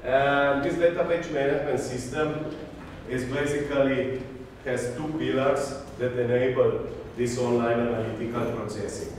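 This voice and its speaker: At medium pitch and a moderate pace, with fairly even intonation, a conference speaker with a Slovenian accent lectures on a technical topic. He is distant from the mic in an echoey, noisy large hall, going through items in turn with self-deprecating remarks.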